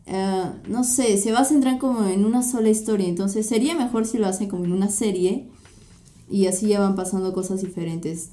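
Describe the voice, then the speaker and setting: A young woman from Peru co-hosting a casual podcast chat, relaxed and chatty. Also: mid-range voice, fairly quick. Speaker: podcast co-host.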